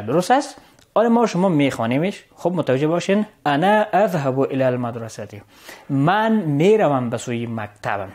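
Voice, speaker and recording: A male Arabic teacher with an Afghan Dari accent gives a recorded lesson. He reads phrases slowly, translates them, and keeps checking in with a rising "right?". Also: on the high side, darkish tone.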